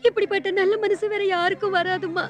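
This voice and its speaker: A woman's voice: extremely high pitch, fairly even intonation, a little fast, music in the background. An actress playing a tearful wife who thanks a young woman for sparing her husband in a film. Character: tearful, grateful wife of a driver.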